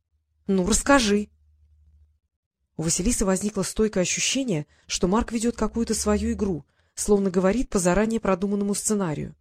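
Woman reading a storybook aloud, steady narrator. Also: mid-range voice, fast talker, few pauses. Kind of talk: audiobook narration.

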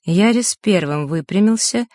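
Steady, dry audiobook narrator. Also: medium pitch, a little slow, no room sound. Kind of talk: scripted narration.

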